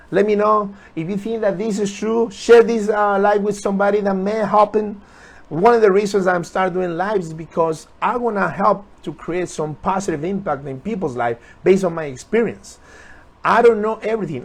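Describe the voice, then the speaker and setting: High-voiced earnest motivational man. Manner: earnest, repetitive, urging viewers. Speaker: motivational speaker. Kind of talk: motivational talk on a live stream.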